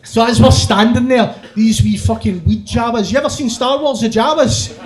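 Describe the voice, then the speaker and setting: High-voiced sweary Glaswegian comic. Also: male voice, normal speed. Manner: rowdy, sweary, laughing through the telling. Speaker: stand-up comedian. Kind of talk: stand-up storytelling.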